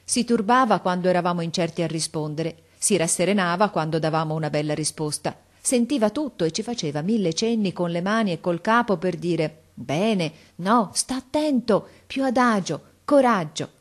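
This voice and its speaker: A woman narrates an audiobook in a slightly low voice. Her reading is expressive, rising for emphasis and sinking for the softer moments. It is a steady, storytelling delivery. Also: brisk, hardly any pauses.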